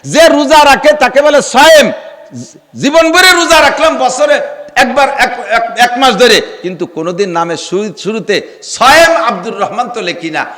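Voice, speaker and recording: A male preacher gives a humorous sermon, teasing his listeners with rhetorical questions and sometimes rising to a shout. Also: very high-pitched, expressive, moderate pace, long reverb tail.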